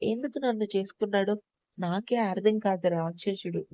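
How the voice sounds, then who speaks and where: Young bride, tearful and cross, indignant complaints; audio story, read by a woman; mellow, slightly muffled recording. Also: medium pitch, moderate pace, dry recording, natural voice.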